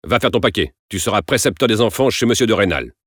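A man reading aloud, voicing an angry, harsh old peasant father who scolds loudly. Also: lowish voice, lively intonation, fast talker, no room sound, clean studio sound. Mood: furious.

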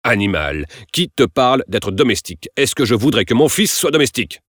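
Gruff, scolding old peasant father, put on by a male narrator; loud, raised voice. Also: lowish voice, sing-song, fairly quick, dry recording, studio quality. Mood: furious. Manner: harsh, scolding, shouting.

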